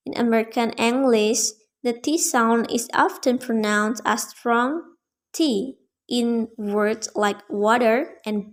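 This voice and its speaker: A young woman with a fairly high voice reads her class presentation aloud. She is careful and measured, making small slips now and then. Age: young adult. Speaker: student presenter. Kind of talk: reading a prepared presentation.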